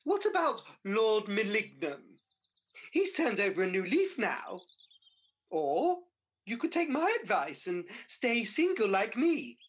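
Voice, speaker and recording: A British woman playing Mother Goose as a kindly, chatty pantomime dame, expressive and theatrical, for radio. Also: mid-range voice, takes it slowly, breathy edge, heavily acted. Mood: kindly, coaxing.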